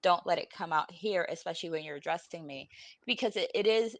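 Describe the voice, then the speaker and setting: A Puerto Rican woman in her forties, a podcast guest, talks quickly in a lowish voice on a video call from a room at home. She's blunt, informal and salty, candid about personal matters on the panel, and sounds weary and emotionally drained. The recording is dry.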